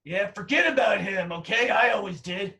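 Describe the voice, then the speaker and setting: A crude, smug roommate who mocks everyone , as a man plays him, in a high, bright voice. He sounds a bit away from the mic. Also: moderate pace, recorded from a distance. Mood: mocking. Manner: crude, mocking. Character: crude trapped male roommate, insulting and smug.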